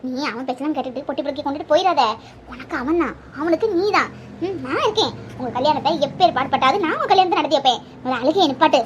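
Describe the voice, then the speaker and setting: A woman's voice: extremely high pitch, expressive, quick pace, muffled recording, slight background noise. A woman voicing a middle-aged aunt in a cartoon, scolding and bossy in manner. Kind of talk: cartoon voice acting.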